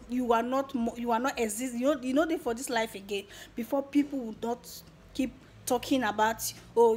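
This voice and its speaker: A young woman with a Nigerian accent speaks straight to her viewers in a casual vlog. Her voice sits a little high, and she sounds excited and heartfelt, switching freely between Pidgin and English. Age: young adult. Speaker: YouTuber.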